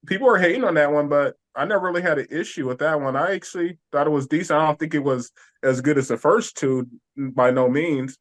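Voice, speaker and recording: A man co-hosting a casual podcast chat, talking in a halting way with many pauses and restarts. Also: mid-range voice. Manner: halting, lots of fillers and restarts. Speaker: podcast co-host.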